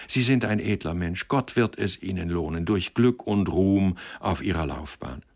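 A male reader voicing an emotional, tearful young woman with a breathy, lifted voice. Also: sits low, measured pace, full character voice. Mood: moved. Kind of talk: audiobook character reading.

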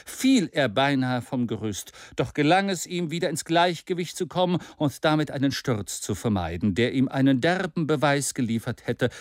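Male audiobook narrator, lively pitch, expressive reading. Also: no room sound, clean studio sound. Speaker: audiobook reader. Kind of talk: scripted narration.

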